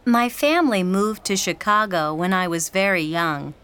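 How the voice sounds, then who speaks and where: A woman's voice: medium pitch, expressive, normal speed, a bit bright, smooth, lightly acted. An actress playing a young woman in her twenties who talks about her family in a scripted textbook dialogue. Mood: friendly.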